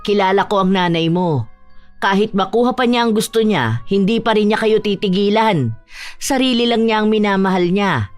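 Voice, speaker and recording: A woman's voice: medium pitch, expressive, moderate pace, dry recording, faint music behind, close to an everyday voice. A woman voicing a blunt, fiery aunt. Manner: street-talking, sharp-tongued, shouts in anger. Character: blunt, fiery middle-aged aunt, protective. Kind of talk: Tagalog audio drama acting.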